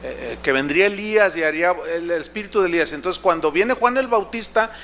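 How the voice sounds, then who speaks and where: A man's voice: high voice, expressive, fast, a bit bright. A middle-aged man preaching a sermon as pastor, telling a personal story with emotion and frequent restarts.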